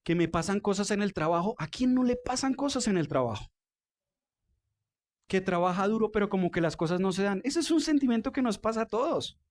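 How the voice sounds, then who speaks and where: A Colombian man preaches in church in a relaxed, talky way. His voice sits a little high for a man. He keeps turning questions back to the congregation. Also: brisk. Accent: Colombian Spanish. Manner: conversational, asks the congregation questions. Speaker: pastor. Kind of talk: sermon.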